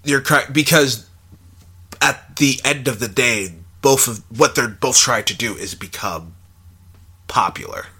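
A man's voice: medium pitch, a little slow, pushed and bright, slightly rough. A young man in casual conversation about a film, thinking aloud with lots of fillers and restarts.

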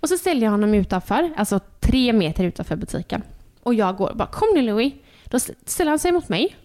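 A young adult woman, co-hosting a casual podcast and telling lively stories about her toddler. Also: mid-range voice. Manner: animated storytelling, acts out kids' voices. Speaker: podcast co-host. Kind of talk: casual chat.

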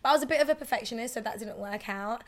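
A woman's voice: fairly high pitch, racing. Chatty woman guest on a podcast. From born in UK, raised partly in New York. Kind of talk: casual chat.

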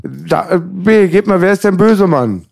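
A man co-hosting a casual interview, his voice sitting a little high. He jokes constantly and teases the guest. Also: expressive, moderate pace, creaky, darkish tone. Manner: joking, teasing, quotes songs. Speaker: co-host.

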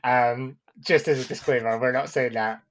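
A man co-hosting a podcast in casual, conversational talk, halting and restating his phrases as he goes. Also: medium pitch, fairly even intonation, a little hiss or hum. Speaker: podcast co-host.

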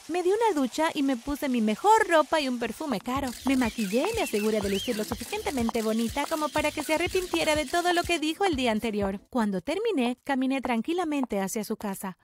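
A woman's voice: high-pitched, slight background noise. A woman narrating a first-person story in a scripted, dramatic, emotional way.

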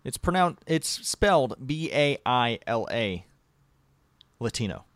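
A man's voice: mid-range voice, very animated, a little slow, fairly bright tone, no room sound. A man hosting a casual gaming podcast, leading segments with a teasing, chatty manner. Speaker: podcast host.

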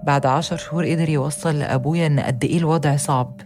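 A young woman with an Egyptian accent, giving an earnest, steady first-person account as a narrator. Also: sits low, rapid-fire, over music. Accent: Egyptian Arabic. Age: young adult.

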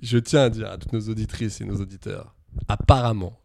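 A man's voice: on the low side, steady tone, brisk, creaky, a little mellow, no echo, clean studio sound. A man co-hosting a podcast in casual banter, joking, laughing often and restarting his sentences. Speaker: podcast co-host.

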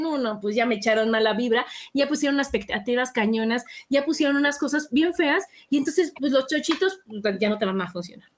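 A woman with a high, bright voice talks quickly in relaxed chat. She brings her stories to life by slipping into the voices of the people she quotes. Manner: animated, acts out quoted voices. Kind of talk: casual chat.

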